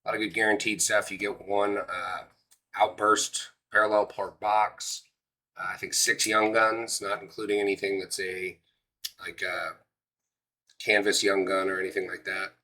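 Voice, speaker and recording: A man's voice: lowish voice, flat delivery, normal speed, pushed and bright. A man hosting a live card break, giving casual auction sales patter to viewers.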